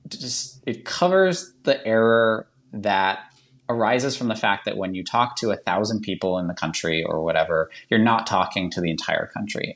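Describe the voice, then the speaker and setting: A man with a Boston accent, a guest explaining polling on a podcast in a quick, chatty way full of fillers and self-corrections. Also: fairly low pitch.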